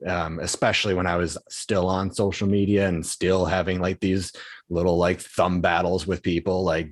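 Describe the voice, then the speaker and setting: A man's voice: low-pitched, no echo. A man hosting a podcast, talking in an earnest, reflective way with loose phrasing. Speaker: podcast host. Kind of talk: casual conversation.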